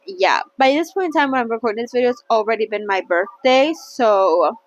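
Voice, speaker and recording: Reading a novel aloud for a relaxed read-along, this female host sounds lively and brisk, her fairly high voice caught on a muffled recording. Her tone is playful and chatty, and she frequently trips up and fixes her own mistakes.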